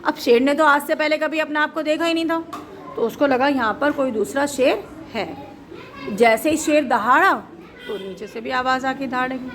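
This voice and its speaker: A high-voiced woman tells a story to a group of children indoors, keeping it lively and asking them questions along the way. A faint hiss of noise sits under her voice. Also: moderate pace.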